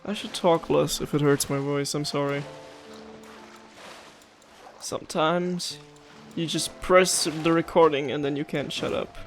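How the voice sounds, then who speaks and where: A man's voice: a little high, steady tone, unhurried, long pauses, soft background music. A man hosting a gameplay video, chatting casually in a rambling, easily sidetracked way.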